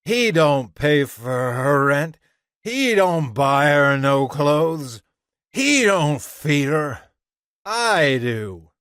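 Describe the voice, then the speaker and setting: A man's voice: a little high, big pitch swings, drawn-out words, a bit bright, clear, resonant tone, dry recording, clean studio sound, voice pushed up, full character voice. A man doing a resentful man on a bed.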